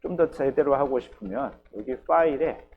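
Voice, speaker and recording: In this recorded programming class, a male university lecturer patiently walks through each step, frequently checking in with "ye" and "geujyo." He talks at normal speed and medium pitch, and the audio sounds narrow and tinny.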